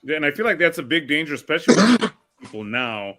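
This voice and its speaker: A man with a bright, sharp tone talks over a casual group chat. He muses reflectively and keeps turning things into probing questions. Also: on the high side, sing-song, fast.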